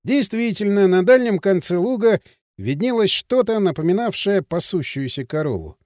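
Male audiobook narrator, measured delivery, higher lively voice, dry close recording. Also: no echo. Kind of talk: scripted narration.

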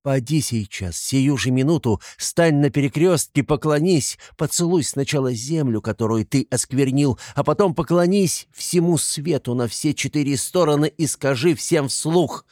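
A man's voice: mid-range voice, animated, unhurried, mellow, no echo, clean studio sound, pitched above the performer's own voice. A man voicing a desperate, pious young woman who pleads and exclaims fervently in a storybook reading. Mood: fervent pleading.

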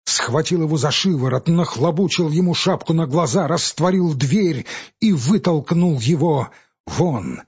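Slow, husky male narrator for a classic audiobook, muffled lo-fi sound with soft music. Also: on the high side. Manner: measured, steady storytelling. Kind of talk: literary audiobook reading. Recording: dull audiobook recording with faint music.

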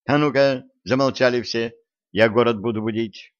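A man voicing a bossy young woman, a witch's granddaughter, in a storybook reading with brisk, commanding talk over dull lo-fi audio. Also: medium pitch, fairly even intonation, no echo, lightly acted.

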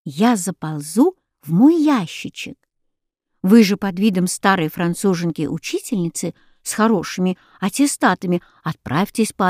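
A woman's voice: fairly high pitch, warm tone, dry recording, studio quality. Woman doing a thin-voiced little hedgehog. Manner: earnest, devoted. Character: small gentle male hedgehog, loyal and wise.

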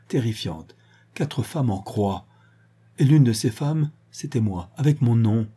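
A man's voice: on the low side, mellow, husky. A man reading the part of an anxious, pleading young woman in an audiobook. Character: young woman seeking her lost son.

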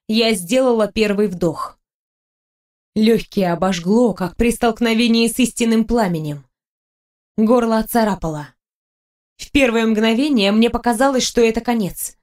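A woman reading a first-person fantasy audiobook in a calm, even storytelling manner. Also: fairly high pitch. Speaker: audiobook narrator.

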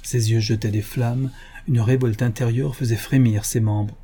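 A man narrating an adventure novel as an audiobook, in a measured, dramatic reading. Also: mid-range voice, steady tone, warm tone, breathy edge. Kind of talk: scripted narration.

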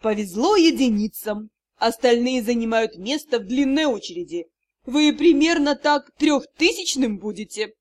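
A woman reads a brash male dragon in an audiobook, a doting cat-father with a cheeky streak. He talks loud and teasing and acts innocent. The voice sits fairly high and swings widely. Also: lively intonation, moderate pace.

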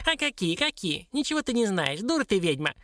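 A man reading an audiobook, voicing a sly, whiny little dwarf with a piercing, squeaky screech. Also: very animated, fairly quick, a bit bright, no echo, studio quality. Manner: wailing, pleading and cursing by turns. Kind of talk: audiobook character voice.

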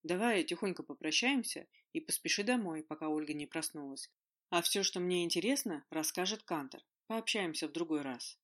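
A man's voice: a little high, animated, normal speed, fairly bright tone. Reader doing a male king, stern, commanding, scolding, audiobook figure. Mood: calm.

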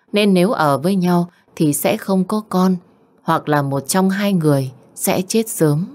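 A woman narrates an audiobook in a steady, unhurried storytelling manner. Her voice sits low.

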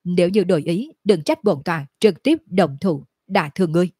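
A woman's voice: fairly low pitch, brisk, mellow, breathy edge, no room sound, studio quality. A woman reading as a fierce young demon lord. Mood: menacing.

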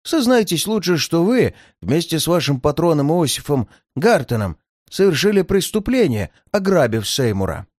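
A commanding male detective from an old storybook tale, firm and measured as he lays out the charges, as a reader voices him. The delivery is close and dry. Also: mid-range voice, sing-song, a little mellow, no room sound. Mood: stern.

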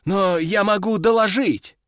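A man voicing a flustered young duty soldier who squeals in shrill excitement. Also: measured pace, no echo, studio quality. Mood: panicked.

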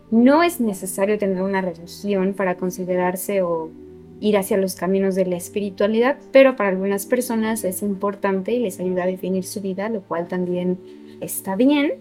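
A woman hosting a spirituality radio program, speaking calmly and thoughtfully in full, articulate sentences. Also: mid-range voice. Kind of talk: calm spiritual reflection on radio. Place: community radio studio.

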